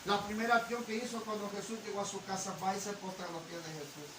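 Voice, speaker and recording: Male preacher, builds to shouted repetition; roomy, echoey church sound. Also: high-pitched, fast. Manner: builds from calm teaching to shouted fervor, repeating phrases. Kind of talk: Pentecostal-style sermon. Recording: echoey hall, preacher far from the mic, noisy.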